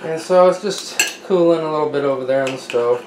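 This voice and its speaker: Speaking briskly in a fairly high voice, this man explains each stage of cooking a meal at home while standing at the stove. A sizzling pan and the sound of stirring fill the echoey kitchen, and the cooking noise is easy to hear.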